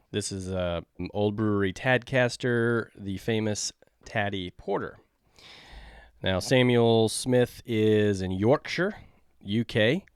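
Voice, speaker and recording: Smooth, low-voiced beer podcast host. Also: male voice, no echo, studio quality. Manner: rambling, loose, jokey. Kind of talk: casual beer review.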